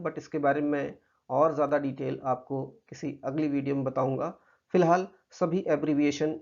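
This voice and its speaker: A man with an Indian accent teaching a grammar lesson, patiently explaining slides and reading English examples slowly. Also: fairly high pitch, gravelly, a little mellow. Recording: muffled lo-fi recording.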